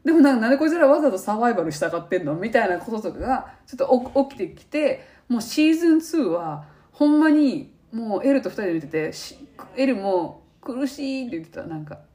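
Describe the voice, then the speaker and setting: A woman's voice: on the high side, big pitch swings, fast talker, hardly any pauses, warm tone. A young woman with a Kansai accent, chatting as a podcast co-host and acting out the lines she quotes. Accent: Kansai Japanese. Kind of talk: casual chat.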